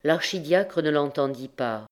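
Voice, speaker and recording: A woman narrating a classic novel as an audiobook, in a measured literary reading. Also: deep voice, animated. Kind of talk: scripted narration.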